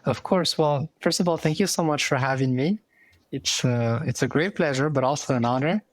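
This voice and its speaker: A man's voice: mid-range voice, moderate pace, no room sound. A man in his thirties from Morocco with a Moroccan accent, a guest talking through his story thoughtfully with many fillers and restarts. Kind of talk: casual interview.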